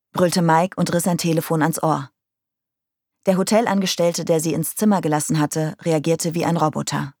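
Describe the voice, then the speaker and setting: A woman reading a crime novel aloud in a calm, measured narrating voice. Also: low-pitched, dry recording, studio quality.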